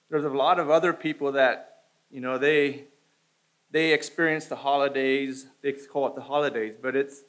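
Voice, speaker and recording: A man's voice: medium pitch, a bit bright, poor audio. A man in his forties, a church elder, talking informally at a church podium with frequent restarts. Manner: halting, informal, many restarts. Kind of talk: church announcements and scripture reading. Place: church sanctuary stage. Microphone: podium microphone.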